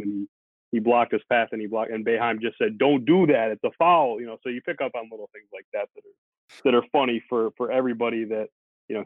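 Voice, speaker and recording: A man's voice: medium pitch, no echo. An easygoing man from the Syracuse area chats as a sports reporter guest, filling his sentences with hedges. His voice comes through a narrow, tinny phone line. The sound is dry and close, with no room around it. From Syracuse, New York area, USA. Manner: easygoing, talks it through with many hedging fillers. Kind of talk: casual podcast chat.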